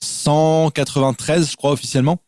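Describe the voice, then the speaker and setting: A man's voice: fairly high pitch, little pitch movement, normal speed, darkish tone, no room sound, clean studio sound. A man from France, a guest in a casual interview, explaining things in lists with lots of fillers. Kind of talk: casual interview over a call.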